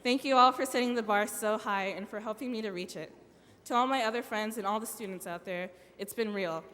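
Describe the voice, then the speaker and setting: A woman's voice: medium pitch, fairly quick, fairly bright tone, slight background noise. A young woman in her late teens giving a graduation speech in a large arena, playful and full of joking asides. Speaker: graduation speaker. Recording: long echo of a big arena.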